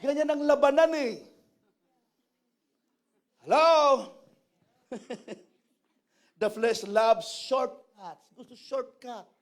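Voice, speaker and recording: Animated high-voiced preaching man. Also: very slow, pauses often. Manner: animated preaching mixing Tagalog and English, acting out quoted voices. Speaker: pastor. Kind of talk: sermon. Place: church.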